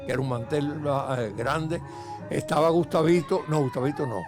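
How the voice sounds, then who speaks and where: Older man, gravelly voice, slightly high pitch, animated storyteller, frequent restarts. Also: normal speed, over music. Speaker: podcast host, grandfather. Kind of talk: casual family chat.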